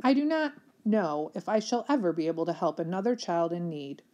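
A cold, lofty foster mother as a woman reads her aloud, speaking in a fairly low voice. She scolds in stiff, proper words, each one prim and disdainful. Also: expressive, a little fast, warm tone, dull audio, natural voice. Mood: scornful. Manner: formal, scolding, lofty diction. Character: stern, haughty middle-aged foster mother.

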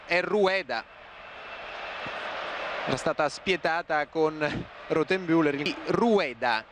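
A man giving measured, descriptive football commentary and replay analysis. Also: a little high. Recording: noisy stadium broadcast. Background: loud stadium noise.

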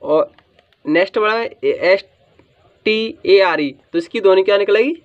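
A man teaching English reading in a phonics lesson, spelling out letters and asking questions he answers himself, sometimes drawing a word out slowly. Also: high-pitched. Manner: drawls some words slowly for emphasis. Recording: dull lo-fi sound.

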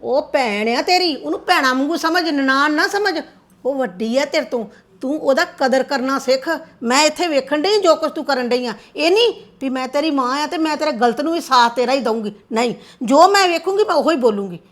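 A middle-aged woman playing a mother who scolds her daughter-in-law in an amateur family drama, with a high voice. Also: animated, a little fast. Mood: reproachful. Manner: firm, reproachful. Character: firm mother-in-law who takes no sides.

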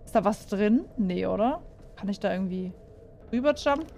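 A woman's voice: medium pitch, expressive, moderate pace, gravelly, dark tone, slight background noise. A young woman playing a horror game and commenting for her viewers, jumpy and full of exclamations, often asking them questions. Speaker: gaming YouTuber.

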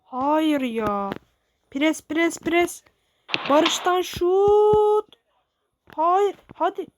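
A woman giving excitable, swearing commentary while playing a football video game, shouting at her players. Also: extremely high pitch, very slow. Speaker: gaming streamer. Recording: loud background noise with clicks.

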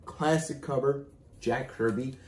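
A middle-aged man co-hosting a comic collecting show, chatting loudly and eagerly about his finds while seated at a table in a room full of comic shelves. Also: mid-range voice, a little slow, noisy background. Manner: loud, animated and enthusiastic. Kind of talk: casual chat showing off comic finds. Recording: roomy echo.

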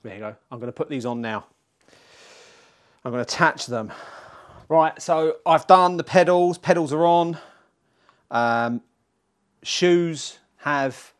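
A man's voice: medium pitch, no room sound. A man, filming himself in a garage and then on a bike, talking to the camera in a chatty, self-mocking way. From England. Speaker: vlogger. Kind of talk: casual self-filmed vlog commentary. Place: garage, then outdoors cycling on roads. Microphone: action camera mounted on bike and chest.

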